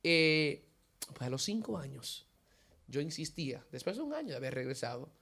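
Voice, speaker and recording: A man with a slightly high voice and a gravelly fry tells his personal faith testimony in an interview. He tells his story vividly and acts out the voices in the dialogue he quotes. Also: very animated, normal speed, pushed and bright.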